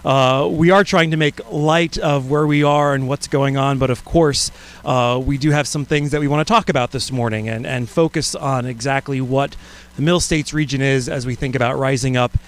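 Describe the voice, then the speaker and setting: A man's voice: mid-range voice, steady tone, moderate pace. A man hosting a convention session in a light, informal conversational style. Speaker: convention host.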